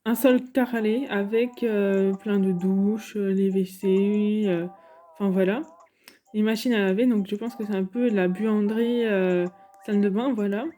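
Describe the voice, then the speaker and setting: A woman's voice: mid-range voice, warm tone. A woman giving casual, chatty commentary over game footage, hesitant and full of fillers. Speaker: gaming YouTuber.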